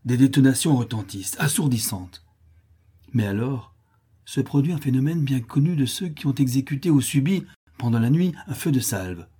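A man's voice: medium pitch, expressive, normal speed, warm tone, breathy edge. A man reading an adventure novel aloud with vivid, emphatic delivery. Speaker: audiobook narrator.

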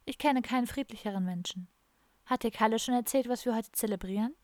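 Lively hippie woman around fifty, teasing, read by a woman; dry studio audiobook. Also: on the high side, fairly quick, no echo, close to an everyday voice.

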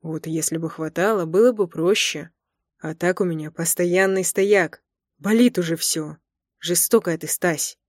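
A teasing, tender young man in an audiobook, put on by a woman reader. He speaks in a low, unhurried murmur, close and intimate. The recording is dry and close, with no room sound. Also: no room sound. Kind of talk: audiobook character voice.

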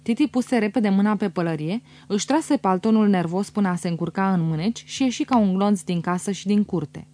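A woman reading a novel as an audiobook in an even, measured way. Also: mid-range voice. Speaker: audiobook reader. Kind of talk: scripted audiobook narration.

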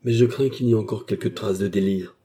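A solemn impostor doctor, as a male narrator puts him on who pronounces his verdicts in a grave hush. The voice is very dark and husky. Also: lowish voice, steady tone, fairly quick.

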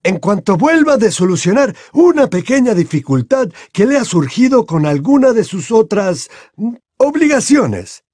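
A man's voice: sits high, very animated, normal speed, a little mellow, no echo, studio quality, voice pushed up. A man reading aloud voices an old, courteous wizard headmaster who speaks graciously and politely. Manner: gracious, polite, slightly hesitant.

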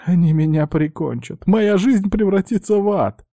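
A man's voice: high-pitched, normal speed, mellow, dry recording, pitched above the performer's own voice. A man doing a panicked whiny beaten student. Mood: desperate.

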